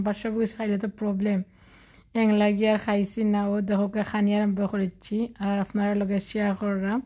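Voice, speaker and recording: A woman with a Sylheti accent narrates her home cooking video, talking the viewer through each step in a chatty, casual way. Her voice is mellow and warm, and her pitch stays fairly even and level. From Sylhet, Bangladesh. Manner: chatty, explains each step while grinding on a stone. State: feeling unwell. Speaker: cooking vlogger.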